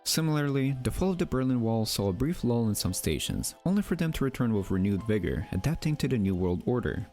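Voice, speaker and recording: The narrator and presenter of a mystery video channel, a man, reads scripted documentary-style narration theatrically, tossing in playful asides and rhetorical questions. His mid-range voice is sing-song and darkish in tone, racing along with hardly any pauses while faint music plays behind him.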